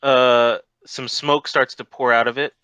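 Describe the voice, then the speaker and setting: Man, game master, casual narration, bright forceful voice, dry close sound. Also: mid-range voice, flat delivery, a little slow, smooth, no room sound, muffled recording.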